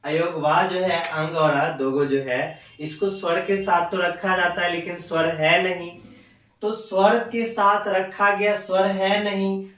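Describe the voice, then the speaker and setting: A man with a high-pitched voice gives a grammar lesson, moving from one point to the next. He keeps asking the class a question and then answering it himself. He stands well back from the microphone in a bare room full of echo. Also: flat delivery, a little slow, a bit bright. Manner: explains step by step, asks and answers his own questions. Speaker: teacher. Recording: echoey room, far from the mic.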